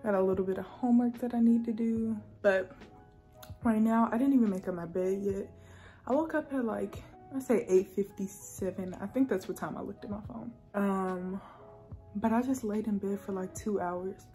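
Recording her vlog in a small apartment bedroom, a college student speaks into a phone camera held at arm's length. Her Southern US accent comes through in a medium-pitched voice at a moderate pace, casual, chatty and slangy, with soft music behind her.

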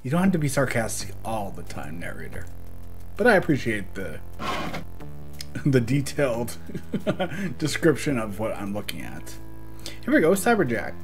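A man's voice: mid-range voice, wildly swooping pitch, a little slow, long pauses, faint music behind. A man giving casual, chatty gameplay commentary, talking to himself and laughing often. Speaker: let's play gamer.

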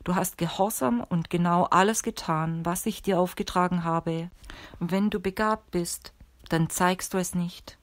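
A woman reading the lines of a calm, stern old male sorcerer teacher in a measured, instructive way for an audiobook. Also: lowish voice, no room sound, close to an everyday voice.

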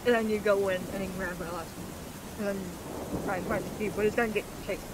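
A woman's voice: medium pitch, steady tone, a little fast, heavy background noise. A woman chatting casually with friends while watching a multiplayer horror game, steering the group through the map. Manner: directs teammates, talks through the map. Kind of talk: casual gaming chat.

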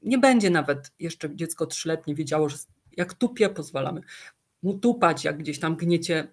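Woman trainer, low-pitched, calm, explanatory, questions the audience. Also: moderate pace. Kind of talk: online training lecture.

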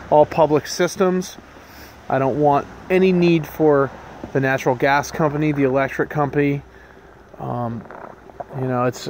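With a medium-pitched voice and slight background noise, a homesteading channel host in his thirties gives relaxed, meandering narration of hands-on work, full of ums and restarts. The handheld footage begins outdoors next to a snowy pickup truck, then shifts to a workshop.

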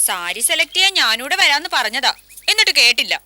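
An actress playing a playful, teasing young wife in a family scene of a TV serial. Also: female voice, high voice, big pitch swings, fairly quick, sharp tone, slight background noise, heavily acted. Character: playful, chirpy young wife and sister-in-law. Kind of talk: TV serial acting.

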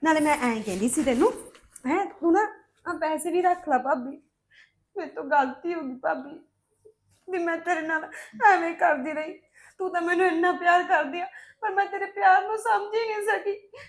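A woman's voice: very high voice, moderate pace. A woman with a Punjabi accent playing a remorseful sister-in-law who apologizes to her family in a drama. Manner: apologetic, pleading. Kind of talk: scripted family drama acting.

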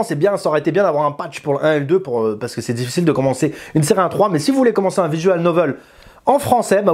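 A video game reviewer with a fairly high, slightly mellow voice talks casually to the camera, slangy and chatty, gesturing along the way. He is filmed in a small room with bookshelves.

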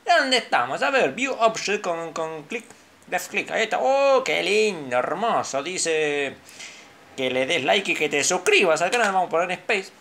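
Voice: big pitch swings, a little slow, fairly bright tone, slight background noise. Chatty Rioplatense gamer with headset. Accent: Rioplatense Spanish. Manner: chatty, drops to low mutters, startled outbursts. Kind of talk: let's play commentary.

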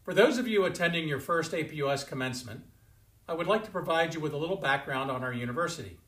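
Older man in his 60s for a commencement address, stately and measured, slightly high voice, echoey room. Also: animated, fairly bright tone. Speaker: university president. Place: home study with bookshelves. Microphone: fixed camera, chest-up framing. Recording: roomy indoor echo.

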